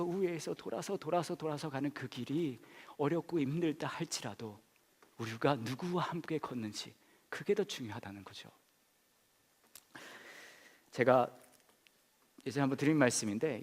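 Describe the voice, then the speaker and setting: A man preaching a sermon in an animated, comic storytelling way, full of fillers. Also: medium pitch, long reverb tail. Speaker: pastor.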